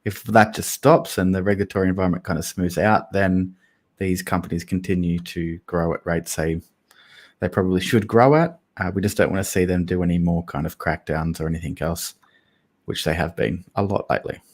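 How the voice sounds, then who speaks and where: Deep-voiced man musing on markets. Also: fairly quick. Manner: thoughtful, hedging with "I guess" and "kind of". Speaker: podcast co-host. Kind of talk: casual investing podcast talk.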